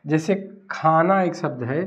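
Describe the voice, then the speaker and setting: Speaking at a measured pace with a fairly high pitch, a man lectures at the blackboard in a Hindi class. He asks questions only to answer them himself, captured on a dull lo-fi recording.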